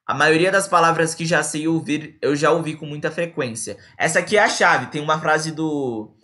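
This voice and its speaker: A young man teaches English live online, chatting casually in slang and dropping into English examples. His voice sits a little high and sounds bright and clear. He talks into a computer mic on a livestream. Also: moderate pace.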